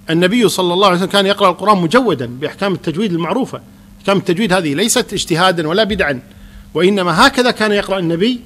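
Fast-talking man teaching. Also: sits high, fairly bright tone. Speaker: Quran teacher answering questions. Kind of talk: question-and-answer religious lesson.

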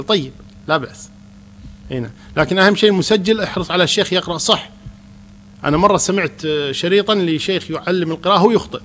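A man, a Quran teacher calmly answering questions in a religious lesson. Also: high-pitched, a little hiss or hum.

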